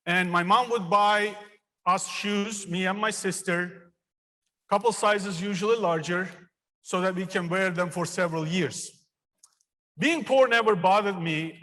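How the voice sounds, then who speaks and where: Earnest professor from Turkey, fifties, man with a fairly high voice, speaking at a commencement in a big theater. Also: pushed and bright. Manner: earnest, personal storytelling with pauses. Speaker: engineering professor giving a commencement speech. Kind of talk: commencement speech. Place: large theater. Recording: long reverb of a large hall.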